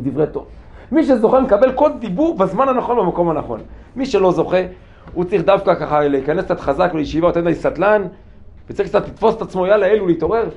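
Male rabbi, casual teaching voice, quizzes students, slightly high pitch, muffled lo-fi recording with light hiss. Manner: lively, asks students questions, jokes. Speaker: yeshiva rabbi giving a class. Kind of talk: informal Torah class to students. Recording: dull lo-fi room recording with faint noise.

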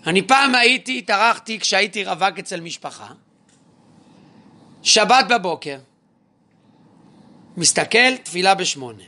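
Man, rabbi giving a lecture, high voice, very sharp bright tone, rhetorical questions, direct advice. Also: gravelly. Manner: animated, asks the audience rhetorical questions and acts out parents; addresses listeners directly with advice. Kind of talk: spoken religious lecture on parenting.

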